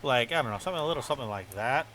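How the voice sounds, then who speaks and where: Man putting on a drawling backwoods rifleman, folksy and mock-menacing, swooping pitch, noisy game recording. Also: expressive, very fast, recorded from a distance, lightly acted.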